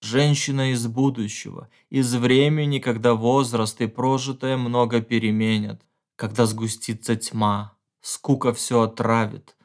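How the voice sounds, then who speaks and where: A man reading a horror story aloud, with measured, tense storytelling and hushed pauses. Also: medium pitch. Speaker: audiobook reader. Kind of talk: dramatic horror narration.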